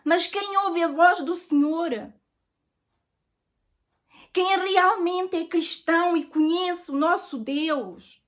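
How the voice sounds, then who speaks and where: High-voiced European Portuguese woman testifying. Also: slow pace, long pauses. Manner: earnest, emotional storytelling. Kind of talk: personal testimony.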